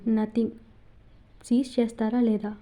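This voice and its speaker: A woman voicing a forceful young husband who gives curt orders, gruff with others and tender with his wife. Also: extremely high pitch, little pitch movement, slow. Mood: angry. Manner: brusque, commanding.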